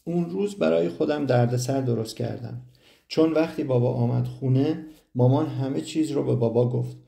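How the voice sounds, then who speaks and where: Man reading an audiobook, dark gravelly voice, echoey room. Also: mid-range voice. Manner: steady storytelling. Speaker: audiobook narrator. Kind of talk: first-person audiobook narration. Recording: roomy echo.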